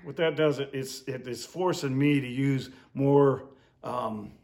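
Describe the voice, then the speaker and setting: A man's voice: mid-range voice, measured pace, a little mellow. A man instructing in duck calling, explaining his technique step by step in an informal, hands-on way.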